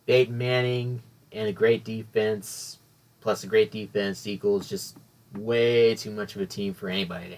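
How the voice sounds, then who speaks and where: A man hosting a casual solo podcast, rambling and correcting himself as he talks. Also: mid-range voice. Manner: rambling, self-correcting, chatty. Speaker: podcast host.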